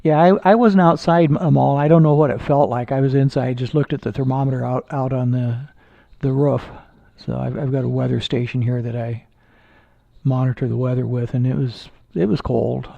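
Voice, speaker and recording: A man with a gravelly voice chats casually with viewers on a live stream, relaxed and halting, with plenty of fillers and restarts. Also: mid-range voice, no room sound, highs cut off. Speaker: amateur astronomer streaming live. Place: indoors at home.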